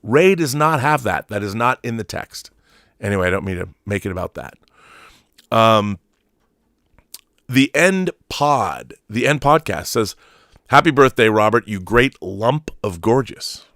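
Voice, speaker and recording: A man in his fifties hosts a casual livestream, reading out messages and commenting in an opinionated, emphatic way, often repeating himself to drive points home. His voice is lowish, animated and a bit bright, with a measured pace. The studio sound is clean with no echo.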